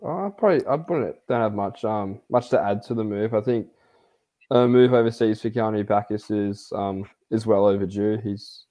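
Lower-voiced man explaining sports news. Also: moderate pace, dark tone. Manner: explanatory, hesitant, trailing off. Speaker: podcast co-host. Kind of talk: casual sports podcast chat.

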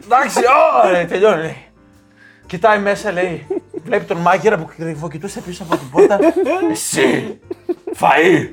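High-voiced young man telling a joke. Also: faint music behind. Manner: storytelling, laughing through the punchlines. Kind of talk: casual chat, telling a joke.

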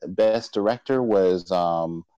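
A man moderates a loose chat, rambling and stumbling over his words as he goes. His voice sits low and mellow, and it comes through dry and a little dull. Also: takes it slowly, clear, resonant tone, dry recording. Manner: rambling, stammering restarts, laughs often. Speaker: podcast moderator. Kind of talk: casual chat about anime awards.

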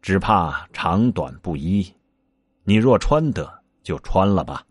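A man voicing a gentle but stern male monk master, speaking slowly and low in an admonishing way. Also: lively intonation, slightly rough, no room sound, studio quality, full character voice.

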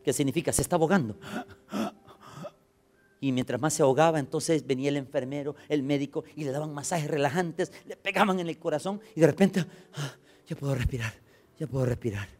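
A male pastor preaching a sermon, swinging from hushed, near-whispered lines to loud, impassioned calls, often acting out the voices of the dying. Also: fairly high pitch, fairly quick.

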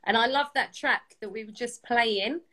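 A woman's voice: fairly high pitch, moderate pace, bright, forceful tone. A woman with a south London accent hosting a casual live music chat in an effusive, encouraging way. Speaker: online music show host.

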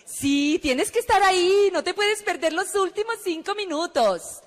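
A woman imitating a pushy female recruiter in a coaxing, drawn-out sing-song voice. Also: very high-pitched, expressive, pitched above the performer's own voice. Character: pushy, sugary woman recruiter who keeps calling. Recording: echoey hall.

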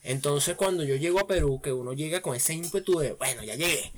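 A young Venezuelan man chatting casually on a podcast, telling lively stories and acting out his own past lines. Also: a little high, fairly quick. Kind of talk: casual chat. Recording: noisy background.

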